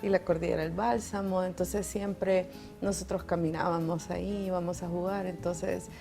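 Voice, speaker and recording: A young adult woman with a Salvadoran accent appears as a mountaineer guest in a casual interview. Her low, steady voice carries vocal fry at a normal speed over music, and she laughs often and restarts words.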